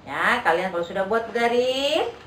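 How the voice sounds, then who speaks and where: Woman teacher for young kids, patient and coaxing, bright tone a bit high, echoey room, mic some way off. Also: lively intonation, normal speed, far from the mic, a little hiss or hum. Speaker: Sunday school teacher. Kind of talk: children's lesson over video.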